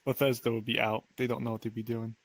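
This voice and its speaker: A man's voice: medium pitch, level tone, fast, poor audio. Laid-back man bantering about games. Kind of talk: casual chat.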